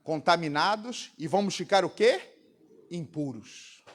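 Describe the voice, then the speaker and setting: Man, Brazilian accent, pastor's sermon, high voice, lively swooping pitch, call-and-response questions. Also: a little slow. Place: church congregation.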